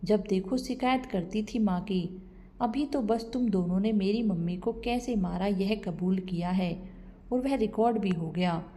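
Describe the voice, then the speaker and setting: A woman's voice: medium pitch, unhurried, mellow, close to an everyday voice. A woman voicing an angry young husband who confronts his wife and mocks her, in a storybook reading. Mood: confronting. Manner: accusing, mocking.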